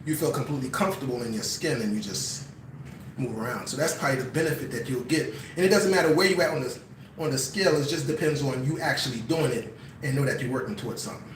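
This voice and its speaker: A man's voice: mid-range voice, fast talker, recorded from a distance, slight background noise. A man in casual chat who explains fitness topics at length, leaning on fillers like "kinda.". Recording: echoey room, voice set back from the mic.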